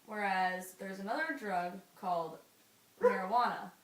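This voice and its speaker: Young woman, scripted school skit, patient step-by-step explainer, plain middle-pitched voice. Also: expressive, measured pace, a bit bright, rough recording.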